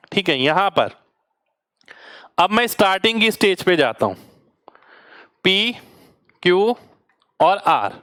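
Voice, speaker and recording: High, smooth-voiced male maths teacher. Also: a bit bright, dry recording, clean studio sound. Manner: patient step-by-step explaining, often asks students to reply. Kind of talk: online exam-prep lecture.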